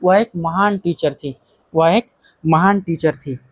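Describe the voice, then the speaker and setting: A patient grammar teacher walks through quiz questions, saying each rule twice and dictating example sentences word by word. The voice sits at an ordinary middle pitch. It is recorded dry and close, with no room around it. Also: dry recording. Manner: repeats key phrases, reads example sentences slowly; addresses viewers as friends. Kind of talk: explanatory grammar lesson.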